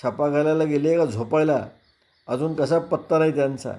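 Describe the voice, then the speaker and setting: A man doing a gruff, cursing police inspector. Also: fairly high pitch, moderate pace, close to an everyday voice. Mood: angry, bossy. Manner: barks orders and curses loudly. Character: gruff village police sub-inspector, quick-tempered, abusive.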